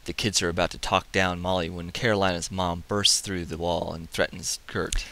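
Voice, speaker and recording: A man hosting a comic book review, summarizing the story with excitable, casual asides. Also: low voice, normal speed. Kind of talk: enthusiastic comic review narration.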